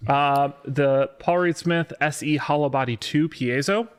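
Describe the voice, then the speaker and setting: A man's voice: a little high, unhurried, clean tone. A man co-hosting a casual gear podcast, teasing the others and running through a list of nominees. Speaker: podcast co-host.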